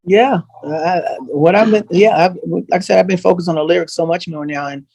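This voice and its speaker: This man has a high, creaky voice with a breathy edge, speaks briskly, and is recorded dry. He's a guest singer chatting casually on a video call, telling animated stories and restarting often.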